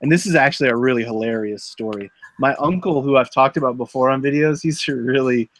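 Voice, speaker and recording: A man in his thirties chatting away on a live selling stream, his voice sitting at a middling pitch. He rambles freely, piling up fillers and restarting his sentences as he tells stories. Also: fast talker, dry recording. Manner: rambling storyteller, full of "like" and restarts. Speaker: host of a live eBay listing stream. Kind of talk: casual live-stream chat.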